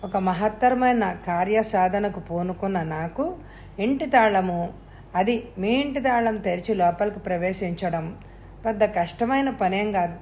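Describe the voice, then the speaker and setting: A woman voicing a calm, cold-blooded young male killer with a harsh, unhurried, menacing voice. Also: mid-range voice, a little hiss or hum, close to an everyday voice.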